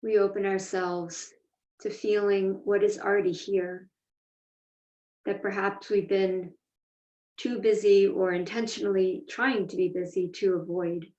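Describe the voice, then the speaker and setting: A meditation teacher guides a slow meditation in a medium-pitched, steady, somewhat dark voice, speaking deliberately with space between short phrases. The recording sounds dull and echoey, as if the mic were placed far from her.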